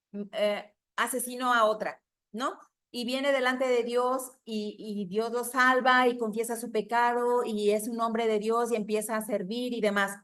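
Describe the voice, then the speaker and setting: Animated Mexican woman teaching a Bible class. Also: fairly high pitch. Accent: Mexican Spanish. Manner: animated preaching with rhetorical questions and acted-out quotes.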